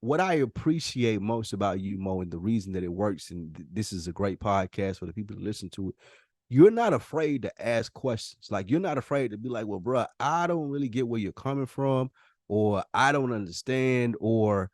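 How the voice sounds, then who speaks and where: In a clean studio recording without room sound, an American man co-hosts a casual podcast. His voice is on the low side, expressive and a little mellow, at normal speed; his manner is earnest, emphatic and slangy, with frequent repetition for emphasis.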